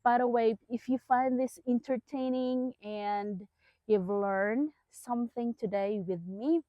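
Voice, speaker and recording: A woman vlogger telling reflective stories in a calm, gentle, unhurried manner. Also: on the high side, no echo, highs cut off. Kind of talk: reflective storytelling vlog.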